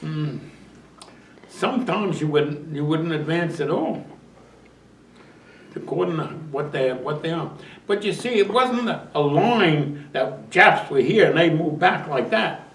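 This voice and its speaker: A man's voice: on the high side, expressive, measured pace, a bit bright, far from the mic, a little hiss or hum. Older man telling war stories in an echoey room. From United States. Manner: rambling storytelling with restarts and chuckles. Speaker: war veteran interviewee. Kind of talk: oral history interview.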